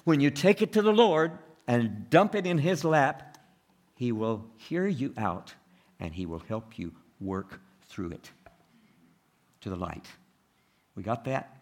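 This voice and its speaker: A man preaching a sermon, asking the listeners rhetorical questions, rising loud on quoted laments and falling soft and low in between, with small chuckles. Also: animated, takes it slowly, long pauses.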